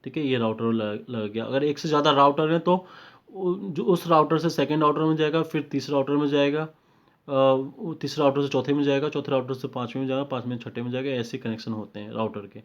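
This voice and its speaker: A technical trainer with an Indian accent gives an informal, step-by-step tutorial, repeating explanations with short confirmations and mixing in English technical terms. His medium-pitched voice is steady and a little fast, heard through a dull lo-fi microphone.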